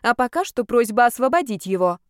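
A flustered female restaurant administrator rushes through polite pleas in a storybook, played by a woman reader. Her voice sits clearly higher than the reader's own, smooth and clear. The sound is dry and close. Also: lively intonation, no room sound, natural voice. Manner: hurried, anxious politeness.

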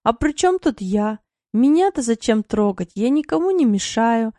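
Storybook house cat, lazy and grumbly, read by a woman; warm, dry sound. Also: on the high side, lively intonation, normal speed, no echo, natural voice. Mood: indignant. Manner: grumbling, self-pitying. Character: lazy, cheeky pet tomcat, comfort-loving. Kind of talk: audiobook narration.

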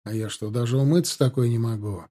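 Man doing young lieutenant, plain, brisk, dark tone. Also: mid-range voice, lightly acted. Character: young male cavalry lieutenant, calm and plain.

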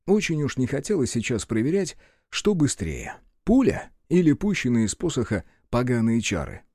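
A man narrating an audiobook in a lively, expressive way. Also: mid-range voice, normal speed, husky, no echo, studio quality.

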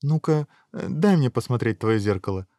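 A man's voice: mid-range voice, big pitch swings, moderate pace, mellow, dry recording, studio quality, pitched above the performer's own voice. A man voicing a pretty, moody young princess in a storybook, pert and teasing.

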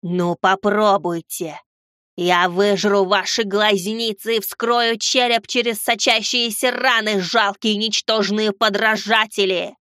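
A man voicing a child turned monstrous, making slow, drawn-out threats in an audiobook. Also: sits high, flat delivery, bright, forceful tone, clear, resonant tone, no echo, studio quality, voice pushed up, heavily acted. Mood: menacing. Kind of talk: audiobook reading.

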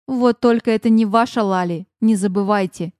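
A woman voicing a suspicious, sharp-tongued young fairy woman who speaks with mockery. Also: mid-range voice, moderate pace, clear, resonant tone, dry recording, studio quality, voice pushed down, lightly acted. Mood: scornful. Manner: mocking, scornful.

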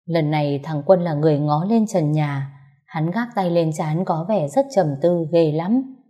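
Brief: woman narrator reading a story aloud, calm and measured, low register.

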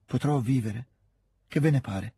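Audiobook: male reader as a feverish dying prince, quiet and tender, husky. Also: mid-range voice, unhurried, dry recording.

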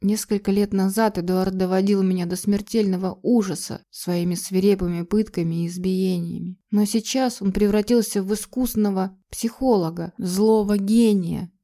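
A woman reads a dark first-person tale with emotional tension in her delivery. Her voice is mellow and warm, sitting at an ordinary mid pitch. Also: steady tone, normal speed, hardly any pauses. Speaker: narrator. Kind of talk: dramatic audiobook narration.

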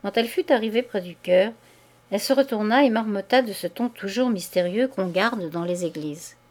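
A woman reads a classic novel aloud in an even, measured way. Her voice has a mid pitch and carries each line with steady storytelling care. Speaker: audiobook reader. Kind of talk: literary audiobook narration.

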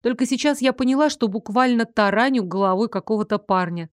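A woman reads a first-person fantasy story with steady, expressive storytelling. The recording is dry and close, with no room sound. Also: a little high, fairly quick, no room sound. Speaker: audiobook narrator.

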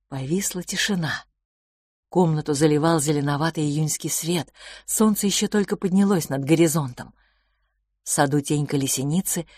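Expressive woman reading a novel aloud. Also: deep voice, dry recording, studio quality. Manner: expressive, dramatic storytelling. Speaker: narrator.

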